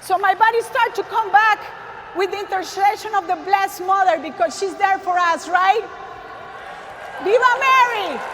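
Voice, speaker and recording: A woman's voice: very high-pitched, normal speed, a bit bright, slight background noise. A woman from Costa Rica with a Costa Rican Spanish accent, giving an emphatic faith testimony to a large audience, calling out to the crowd. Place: large arena stage. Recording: long hall reverb, faint ambience.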